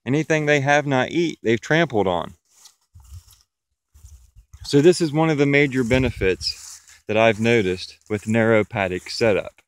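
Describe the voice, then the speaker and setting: A man's voice: mid-range voice, a little slow, pauses often, clear, resonant tone, no room sound. A farmer giving a plain, matter-of-fact walking tour of his pasture, talking to a camera he holds outdoors. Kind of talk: walking field tour, explaining. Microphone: camera held while walking.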